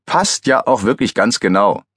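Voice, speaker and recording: A man's voice: fairly low pitch, animated, moderate pace, fairly bright tone, dry recording, studio quality. A man voicing a teasing, jovial male forensic pathologist who needles his grumpy friend in an audiobook. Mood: mocking glee. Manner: gleeful, needling, mock-exasperated.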